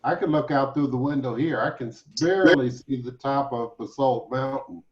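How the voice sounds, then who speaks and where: A man's voice: mid-range voice, normal speed. Distant, muffled man in casual chat. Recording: muffled, distant video-call microphone.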